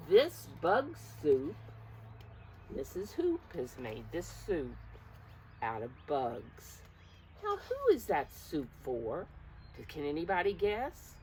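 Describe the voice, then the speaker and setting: With a deep voice and an unhurried pace, a woman teacher reads a picture book to preschoolers, lively and coaxing, turning to the children with guessing questions. Slight background noise is audible.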